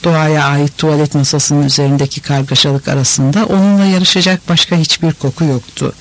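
A man reading a novel aloud in a measured, expressive storytelling manner. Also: on the high side, poor audio. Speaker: narrator. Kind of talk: scripted audiobook narration.

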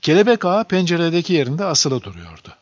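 A man narrating a children's storybook aloud in a lively, expressive reading. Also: fairly high pitch, brisk, no room sound. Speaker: audiobook narrator. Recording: dull lo-fi dry recording.

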